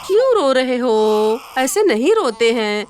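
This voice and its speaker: A woman voicing a cruel, harsh stepmother who scolds in a shrill voice. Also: very animated, normal speed, a bit bright, a little hiss or hum. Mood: doting. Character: cruel harsh stepmother, doting on her son.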